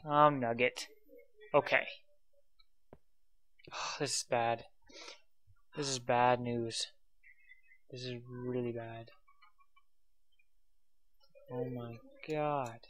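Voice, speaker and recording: A man's voice: mid-range voice, flat delivery, extremely slow, pauses often. A man giving casual gameplay commentary, exasperated, muttering to himself and sighing often. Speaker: let's play commentator.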